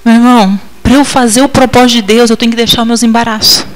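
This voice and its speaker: Lady missionary preaching her testimony, high voice, swings loud and soft, real dramatic. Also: steady tone, fast talker, poor audio. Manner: emotional, dramatic swings in pitch and volume, acts out her own past replies. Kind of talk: testimony sermon.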